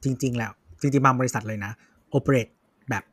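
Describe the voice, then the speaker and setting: A man's voice: medium pitch, steady tone, moderate pace, fairly bright tone, no echo. A man co-hosting a podcast in casual chat, blunt and slangy. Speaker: podcast co-host.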